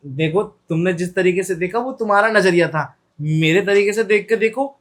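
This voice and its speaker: A woman's voice: mid-range voice, moderate pace, lightly acted. A woman playing a young husband caught cheating, who defends himself and begs forgiveness in a comic family skit. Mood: pleading. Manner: defensive, wheedling, pleading.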